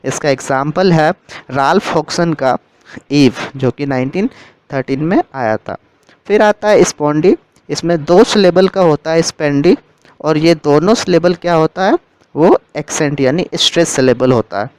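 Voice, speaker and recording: A man's voice: a little high, normal speed, darkish tone, clean tone, rough recording. A man teaching a literature lesson, explaining terms step by step and rephrasing them as he goes.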